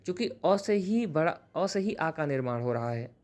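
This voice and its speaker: A man's voice: on the high side, animated, normal speed, darkish tone. A man teaching a grammar lesson who explains patiently, often restates terms, and corrects himself mid-sentence. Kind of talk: classroom-style grammar lesson.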